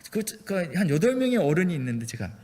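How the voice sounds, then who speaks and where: A man's voice: a little high, sing-song, quick pace, warm tone. A male pastor from Jeolla telling a chatty, self-deprecating story in a church sermon. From Jeolla, South Korea. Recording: echoey church hall.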